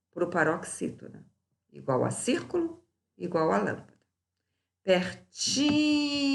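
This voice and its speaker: A teacher with a fairly low, creaky voice reviews answers to grammar exercises in a recorded lesson. She's slow and deliberate, lengthening each example word.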